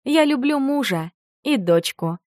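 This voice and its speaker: A young woman narrating a first-person fantasy romance audiobook, lively and expressive, light and teasing in dialogue. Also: high-pitched, measured pace, no echo, studio quality.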